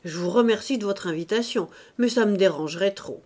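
A woman's voice: fairly high pitch, expressive, a little slow, a little mellow. A woman reading the part of a blunt, grumbling, suspicious middle-aged husband in an audiobook.

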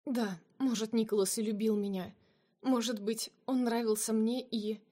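A woman's voice: on the high side, steady tone, moderate pace, warm tone, close to an everyday voice. A woman voicing a desperate young woman who pleads emotionally with her lover. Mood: pleading. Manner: pleading, emotional, breaking into cries.

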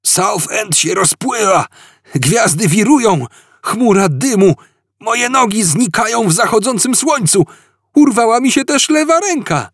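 A man voicing a bewildered young Englishman who yells in frantic, shrill panic. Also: expressive, a little slow, few pauses, no echo, studio quality. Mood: panicked.

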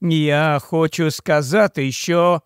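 Guy putting on a gushy vain young lady, high and chattery, dry close sound. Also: fairly even intonation, slow pace, clear, resonant tone, no echo. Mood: gushing. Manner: gushing, loud, fussy.

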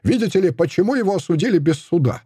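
A man reading an audiobook voices a furious old male prisoner who rants, sneers and shouts accusations in a husky voice. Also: high voice, lively intonation, fast, no echo, voice pushed up. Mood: scornful.

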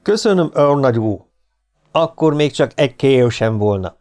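A man's voice: mid-range voice, lively intonation, a little mellow, voice pushed up, lightly acted. A polite, determined young aristocratic legionnaire from an audiobook , as voiced by a male reader. He speaks earnestly and eagerly, in a slightly raised voice. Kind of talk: audiobook character voice.

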